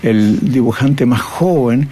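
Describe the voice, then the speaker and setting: A man's voice: medium pitch, takes it slowly, warm tone, a little hiss or hum. An older man, a cartoonist and painter reflecting on his career in an interview, often tagging his phrases with "¿no?". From Chile. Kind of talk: reminiscing interview.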